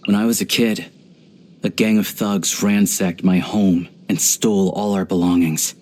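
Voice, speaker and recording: A man voices a video game character: an earnest, pragmatic young hunter and rifleman. He speaks in a measured, reflective way, with a low-pitched, slightly rough and a little mellow voice.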